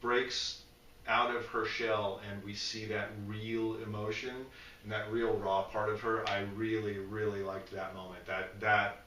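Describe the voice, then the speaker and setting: A man's voice: on the low side, a little slow, reverberant, recorded from a distance, slight background noise, low-quality recording. A man co-hosting a casual fan discussion, talking with feeling, tripping over and repeating his words. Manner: animated, emotional, stumbles and repeats words. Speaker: podcast co-host.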